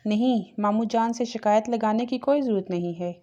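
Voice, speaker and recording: A woman's voice: fairly high pitch, muffled recording, slight background noise, lightly acted. A woman reading a shy young wife. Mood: soft. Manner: soft, pleading.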